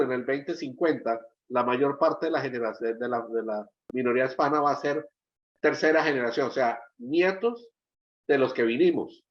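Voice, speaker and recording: A middle-aged man from Colombia giving an export training webinar. He explains step by step, often checks in with "¿sí?", and repeats words as he searches for the next one. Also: mid-range voice. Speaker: webinar presenter. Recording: dull lo-fi webinar audio.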